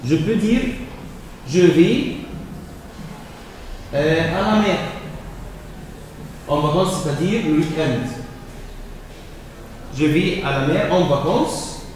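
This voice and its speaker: Like a teacher, a man works through French exercises slowly and haltingly, repeating words and filling pauses with "euh." His fairly high, slightly mellow voice sits far back in a reverberant room with long echo, over a faint hum of room ambience.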